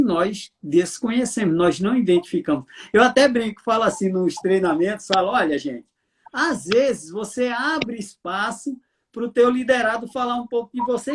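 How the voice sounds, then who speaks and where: A man with a Brazilian Portuguese accent, an army colonel who trains leaders, answering interview questions in a lively storytelling way, acting out dialogue and laughing. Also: sits high, a little hiss or hum.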